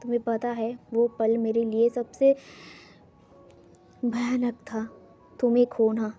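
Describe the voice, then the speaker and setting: Man reading hurt young lover, reproachful, pleading, flat, dull lo-fi sound, faint music. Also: extremely high pitch, slow, exaggerated voice.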